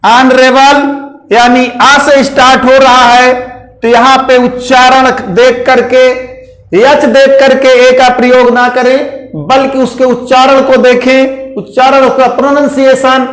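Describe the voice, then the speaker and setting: A male English grammar teacher speaks with a strikingly high voice. He explains at an unhurried, deliberate pace and repeats each point. The sound carries a roomy classroom echo. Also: completely flat delivery, fairly bright tone. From India.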